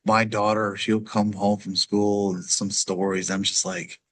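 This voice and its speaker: A man's voice: fairly low pitch, level tone, a little slow, fairly bright tone. A middle-aged man chatting casually as a guest, telling jokey stories and acting out the voices of the people in them. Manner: jokey, storytelling, acts out quoted voices. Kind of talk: casual chat.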